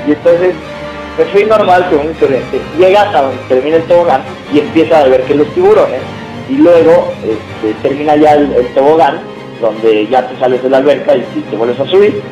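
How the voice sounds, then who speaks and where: A young man with a Mexican accent telling a funny story to friends in casual, slangy talk, laughing and acting out shouts. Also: a little high, normal speed, reverberant, soft background music, rough recording. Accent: Mexican Spanish.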